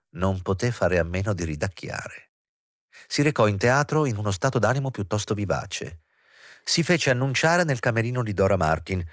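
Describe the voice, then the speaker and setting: A man narrating a literary novel as an audiobook in a measured, even way. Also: fairly low pitch, dry recording, studio quality. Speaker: audiobook reader.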